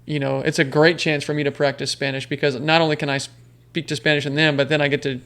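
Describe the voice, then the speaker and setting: Fairly high-pitched and quick, this podcast guest's voice is bright and clean with little pitch movement. He chats casually, rambling through stories with many fillers and restarts.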